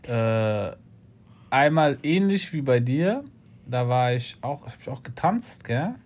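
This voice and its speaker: A man in casual chat, telling an animated story full of street-slang fillers. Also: medium pitch, takes it slowly.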